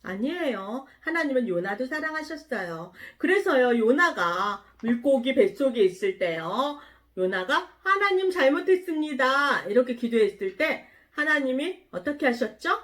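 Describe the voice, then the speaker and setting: A woman pastor telling a Bible story in a children's sermon, animated and asking the children questions. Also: a little high, normal speed.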